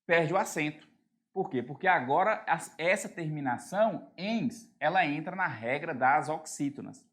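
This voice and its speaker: Brazilian teacher, slightly high voice. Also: male voice, animated, moderate pace, fairly bright tone. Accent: Brazilian Portuguese. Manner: keeps checking in with the class using short tag questions; spells out letters and word endings one by one. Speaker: Portuguese grammar teacher. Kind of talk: exam-prep grammar lesson.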